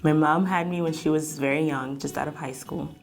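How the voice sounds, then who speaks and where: Low-voiced young woman from Kenya. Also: fairly even intonation, a little fast, soft background music. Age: young adult. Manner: reflective, with frequent fillers. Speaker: interviewee. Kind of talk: documentary interview.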